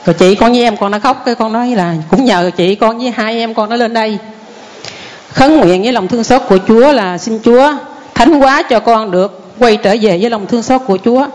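A woman's voice: a little high, fairly quick, a little mellow. An older woman giving a rambling, earnest spoken testimony to a priest.

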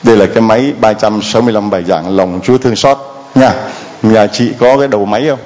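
A man's voice: fairly low pitch, fast talker, a little mellow. A man, a priest, preaching emphatically and asking rhetorical questions of the congregation. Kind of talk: sermon with audience questions.

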